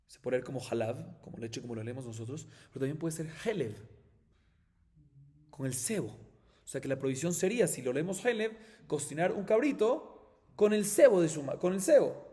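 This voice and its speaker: A man's voice: fairly high pitch, big pitch swings, brisk, warm tone, in a large hall. A man with a Colombian Spanish accent, a rabbi teaching a Talmud class, explaining step by step and asking and answering his own questions.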